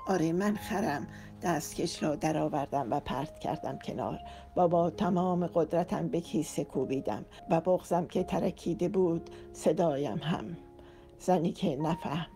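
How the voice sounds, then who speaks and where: A woman's voice: deep voice, gravelly, mellow. A woman reads a romance novel aloud as an audiobook narrator, in an emotive, dramatic first-person style.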